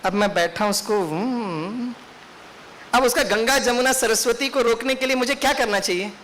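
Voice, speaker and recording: A man's voice: extremely high pitch, normal speed, fairly bright tone. A man with an Indian accent giving a lecture to teachers in training, telling a story and putting questions to his audience. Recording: faint hiss.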